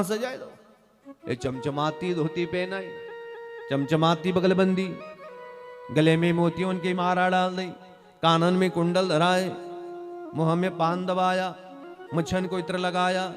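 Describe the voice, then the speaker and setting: A man from Maharashtra, a Marathi native speaker, telling a devotional story as a sermon and acting out village characters in dialect voices. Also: sits high. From Maharashtra, India. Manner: urges the audience to call out loudly. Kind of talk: Bhagavat katha sermon storytelling.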